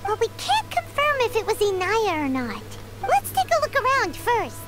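A woman voicing a small floating fairy girl companion in a game dub, with a high, bouncy voice. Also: huge pitch swings, normal speed, music in the background, full character voice. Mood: chirpy.

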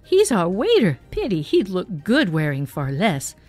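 A woman's voice: lowish voice, huge pitch swings, measured pace, darkish tone, full character voice. A woman voicing a mischievous, quavering, very old woman. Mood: snappy.

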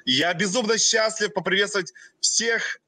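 A young Russian man, the company president, presents a webinar, pausing after each short phrase so his interpreter can follow. His voice is high for a man, bright and forward. The recording is close and dry, with no room sound.

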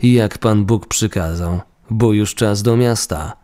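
A hard-drinking country official, scoffing and blustering, as a man puts him on, in a storybook ghost tale. The voice is low and mellow. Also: slow pace. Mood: mocking.

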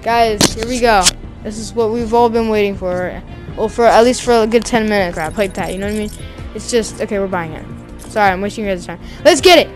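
A woman talking casually over her own gameplay, excitable and slangy, yelling and laughing at the game. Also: mid-range voice, a little fast, music in the background. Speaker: gamer streaming gameplay.

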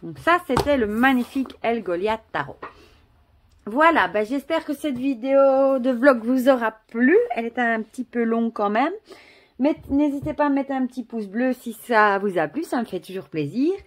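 A woman's voice: a little high, lively intonation, moderate pace. A woman with a Belgian French accent in a casual vlog, chatty and gushing, full of exclamations and asides as she shows things to the camera. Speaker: vlogger.

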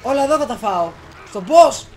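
A young man with a Greek accent streams a video game from a small room at home, muttering and exclaiming to himself in casual commentary. His very high, animated voice is captured on a desktop USB microphone, with game music and slight background noise behind it.

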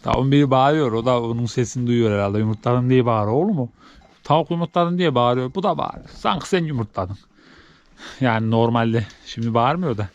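A man vlogging from a snowy farm barn, chatting casually to camera while doing chores and cooing at newborn goats, then dropping to soft low chatter. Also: brisk, highs cut off. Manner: coos and baby-talks at animals, rising high and loud; drops to soft, low chatter when explaining. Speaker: village vlogger tending goats.

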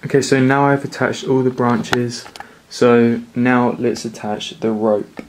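Relaxed young man with a flat voice. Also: medium pitch, slow pace, faint music behind, low-quality recording. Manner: relaxed, rambling with fillers. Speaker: vlogger. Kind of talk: casual DIY vlog narration. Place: living room indoors.

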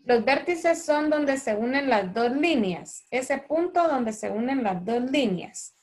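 Woman primary teacher, Honduran Spanish accent, slightly high, unhurried, patient, online class. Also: expressive, darkish tone. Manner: patient, slow and clear, calls children by name. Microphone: video call.

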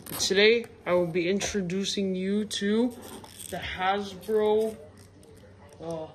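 Female voice, slowed-down playback, deepened pitch, sluggish dragging pace, faint hiss. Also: fairly even intonation. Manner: drawn-out, sluggish delivery. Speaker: toy reviewer. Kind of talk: casual toy show-and-tell.

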